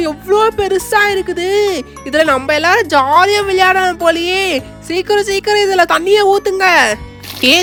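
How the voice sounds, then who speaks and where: A woman voicing a bright, teasing boy friend. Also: extremely high pitch. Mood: eager. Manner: teasing, curious questions.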